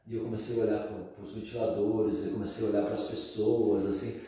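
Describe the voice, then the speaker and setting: A man with a Brazilian Portuguese accent shares his personal testimony in a casual, slangy style packed with fillers. His voice is on the low side, mellow, level in tone and brisk, recorded from far off in an echoey hall.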